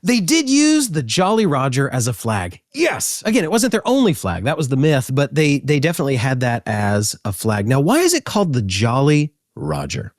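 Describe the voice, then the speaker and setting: A man hosting a casual educational talk, animated and joking, with frequent fillers. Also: medium pitch, moderate pace, few pauses, dry recording, clean studio sound. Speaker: host.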